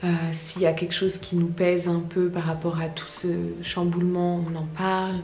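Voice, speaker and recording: A young woman chatting casually to her viewers in a soft-spoken, hesitant and reflective way. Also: fairly low pitch, level tone, moderate pace, a little hiss or hum. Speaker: vlogger and ASMR creator. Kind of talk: casual personal vlog, talking to viewers. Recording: roomy, echoey sound with faint music.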